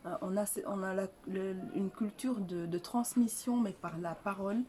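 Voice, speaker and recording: A woman's voice: medium pitch, moderate pace, mellow, a little hiss or hum. An older woman from Rwanda, an author answering interview questions in a hesitant way, full of fillers and restarts. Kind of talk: casual interview.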